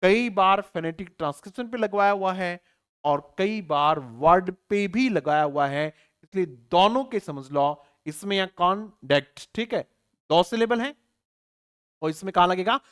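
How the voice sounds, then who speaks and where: A man's voice: high-pitched, lively intonation, measured pace, fairly bright tone, smooth. A man teaching an online exam-prep English lesson, who asks rhetorical questions, answers them himself and spells words out letter by letter. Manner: addresses students familiarly, checking understanding.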